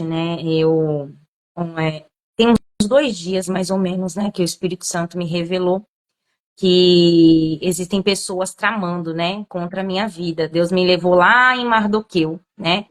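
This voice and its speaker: A woman hosts a casual talk. Her voice is low for a woman, and she speaks softly, agreeing and tagging her sentences with little fillers. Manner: soft-spoken, agreeing, fills with "né". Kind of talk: casual chat.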